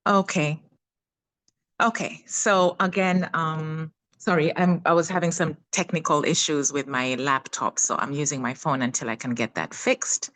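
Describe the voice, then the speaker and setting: A woman in her fifties from Uganda, sharing her personal story on a video call from her phone, pausing often with fillers. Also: low voice, fairly even intonation, fairly bright tone, poor audio. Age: 50s. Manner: halting, many fillers. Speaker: guest speaker.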